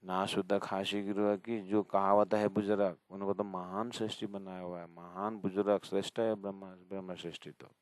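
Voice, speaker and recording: A man giving a devotional discourse as a spiritual teacher, addressing his listeners directly and repeating verses slowly. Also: sits low, little pitch movement, a little mellow, no room sound.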